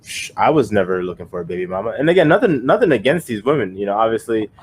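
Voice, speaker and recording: Low-voiced man musing, full of fillers. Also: big pitch swings, fast talker, a little hiss or hum. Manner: rambling, many fillers and restarts. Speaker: podcast co-host. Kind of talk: casual opinion chat.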